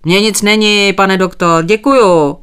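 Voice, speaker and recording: A woman's voice: on the low side, fairly bright tone, smooth, natural voice. A woman voicing a stubborn male sheep farmer who politely dodges every request with thanks. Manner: courteous, evasive, dodges with thanks.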